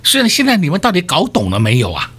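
A man's voice: high voice, huge pitch swings, fast, a bit bright, slightly rough. A man hosting a radio stock market show, talking emphatically and firing rhetorical questions at listeners. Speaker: stock market analyst host.

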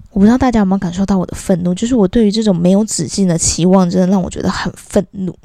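A woman's voice: on the high side, vocal fry, dark tone, dry recording. A woman with a Taiwanese Mandarin accent hosting a podcast, venting in a casual rant and slipping into voices to quote people. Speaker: podcast host. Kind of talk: casual ranting monologue.

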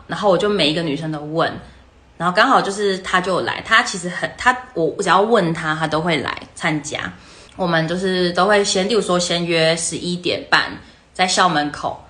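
A young woman with a Taiwanese Mandarin accent, hosting a livestream and telling a story in a lively, casual way, acting out the other people's voices. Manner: lively, acts out quoted voices with jumps in pitch. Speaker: livestream host.

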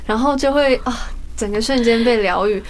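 A woman's voice: on the high side, moderate pace, slight background noise. A young woman with a Taiwanese accent, co-hosting a podcast in a casual, chatty style. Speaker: podcast co-host. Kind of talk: casual chat.

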